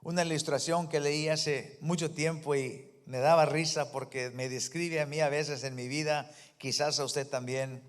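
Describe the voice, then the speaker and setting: A male pastor preaching a sermon in a church, slow and emphatic, telling a story with drama. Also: fairly high pitch, flat delivery. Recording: long hall reverb.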